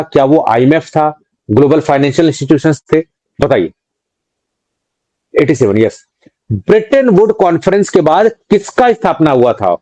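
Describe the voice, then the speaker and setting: A man's voice: a little high, mellow, no room sound, poor audio. A man with an Indian accent teaching an online exam-prep class, quizzing students, reading out their answers and mixing English terms into his talk. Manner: reads out student names and answers, scolds jokingly. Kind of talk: live online quiz class.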